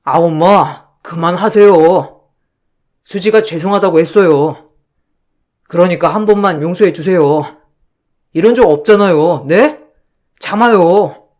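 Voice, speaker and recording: A man playing a meek young husband who pleads and apologizes to calm things down, in a radio drama. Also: high voice, measured pace, pauses often. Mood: pleading. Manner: pleading, placating.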